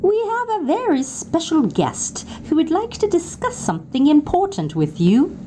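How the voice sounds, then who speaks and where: A woman voicing a mysterious, strict female teacher with a strange accent in a storybook, hushed at times. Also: high voice, wildly swooping pitch, normal speed, slight background noise, pitched above the performer's own voice.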